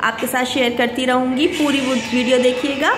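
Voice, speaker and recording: Speaking briskly in a high voice with fairly even intonation, this thirtysomething woman chats to her phone camera at home, talkative and casual, dropping in English phrases and addressing viewers as "guys." The setting is her veranda with plants, both indoors and out. The phone sits at arm's length, and the room echoes with background noise.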